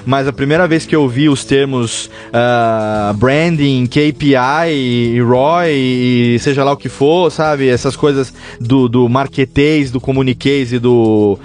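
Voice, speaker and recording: A man's voice: medium pitch, takes it slowly, few pauses, soft background music. A man from Brazil, a podcast guest, telling a story in a casual interview and acting out the dialogue, with a few restarts. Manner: animated storyteller, acts out dialogue, some restarts.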